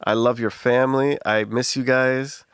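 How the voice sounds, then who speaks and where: A man in his forties with a Chicago accent, hosting a relaxed interview over a video call and often asking "you know what I mean". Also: mid-range voice, normal speed, clean tone, no echo, clean studio sound. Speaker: podcast host.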